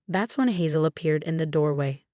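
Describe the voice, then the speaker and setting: A woman narrating a first-person story in a steady, even storytelling manner. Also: low voice, normal speed, no echo, studio quality.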